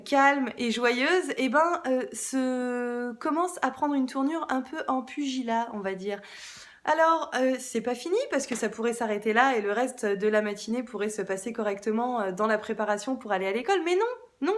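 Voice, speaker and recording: A woman in her thirties, a mother telling a story about her morning in a casual vlog, talking straight to the viewer with lots of hesitations. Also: a little high. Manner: chatty and hesitant, many fillers, addresses viewer directly. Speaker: parenting vlogger, mother.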